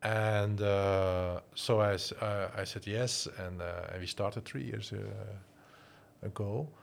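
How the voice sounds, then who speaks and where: His voice is lowish and steady with vocal fry, delivered slowly over a slight hiss or hum. He's a Flemish-accented Belgian in his forties, a design school director and musician chatting informally about his career, stumbling through fillers and frequent restarts.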